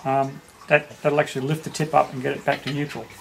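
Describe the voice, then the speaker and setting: A man's voice: mid-range voice, little pitch movement, fast, gravelly, slight background noise. A man chatting casually, with crude, matey, slangy joking. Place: indoors in a cluttered home dining room. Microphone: handheld camera microphone.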